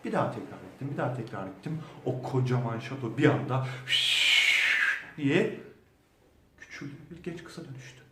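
A man's voice: medium pitch, moderate pace. Playful man telling a children's tale. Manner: playful, animated, theatrical. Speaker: clown doctor storyteller. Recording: roomy echo, mic at a distance, faint background hum.

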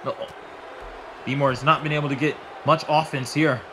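A man doing excitable solo play-by-play of a wrestling match, swearing and breaking into shouts. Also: a little high, a little fast, background noise. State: out of breath. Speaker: wrestling commentator.

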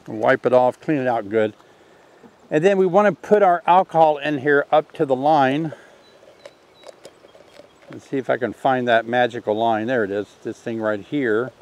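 A man in his sixties teaching a beekeeping test outdoors by the hives, talking in a relaxed, folksy way while he works. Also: medium pitch, moderate pace, pauses often. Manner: relaxed, folksy, thinks aloud while working. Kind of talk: hands-on outdoor demonstration. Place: outdoors in an orchard beside beehives.

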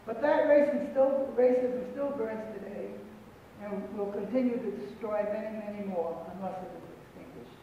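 An older man giving a solemn, deliberate prepared speech on a panel, repeating phrases for emphasis. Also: high voice, slight background noise. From Pequot territory, New England. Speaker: panel speaker. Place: auditorium stage, large indoor hall. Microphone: far room mic. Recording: echoey hall from far off, dull.

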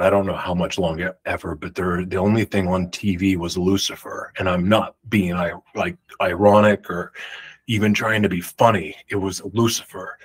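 A husky, deep-voiced male vlogger tells a rambling personal story to camera, projecting loudly and speaking emphatically. He sits in a home room with pictures on the walls, a large studio mic beside him.

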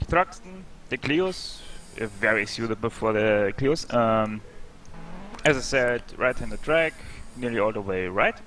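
A man from Austria, speaking, co-commentating a sim race in an unhurried, hesitant way full of ums. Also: mid-range voice, animated, a bit bright, slight background noise.

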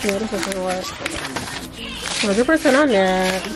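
A woman's voice: mid-range voice, animated, measured pace, music in the background, low-quality recording. A young woman and mother chatting to viewers in a casual home vlog, laughing often and calling them y'all. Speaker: vlogger, mother. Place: small bedroom indoors. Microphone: handheld compact camera.

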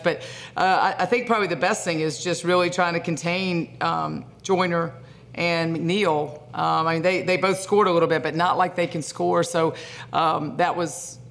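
A woman's voice: fairly low pitch, fairly bright tone. A middle-aged woman head coach answering postgame questions at a desk microphone, thoughtful and full of fillers and restarts. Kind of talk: postgame press conference answers. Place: press conference room.

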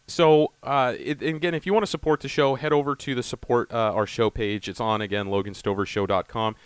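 A man's voice: medium pitch, steady tone, a little fast, clean tone, no room sound. A man hosting a casual podcast, chatting in a rambling, upbeat way into a close mic. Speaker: podcast host.

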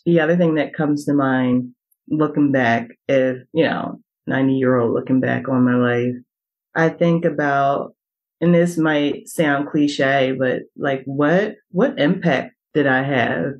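Slow, reflective woman coach on a podcast. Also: very deep voice, darkish tone, muffled recording. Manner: reflective, halting with restarts. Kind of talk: casual podcast conversation.

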